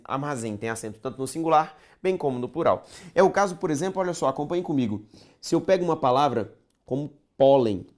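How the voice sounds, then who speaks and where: A Brazilian-accented male grammar teacher whose voice swings up and down as he stresses each point. He poses rhetorical questions and repeats rules for his students. His pitch sits in a middle range for a man. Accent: Brazilian Portuguese. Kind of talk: recorded grammar lesson.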